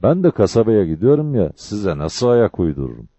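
A man doing a booming old wayfarer. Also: sing-song, brisk, warm tone, no echo, dull audio. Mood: coaxing. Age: older. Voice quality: booming, hammering voice. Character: old male wayfarer, tall, hearty, teasing.

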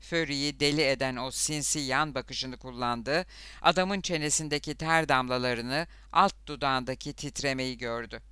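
A man narrating an audiobook in a steady, even storytelling manner. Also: medium pitch, normal speed, clear, resonant tone, no room sound.

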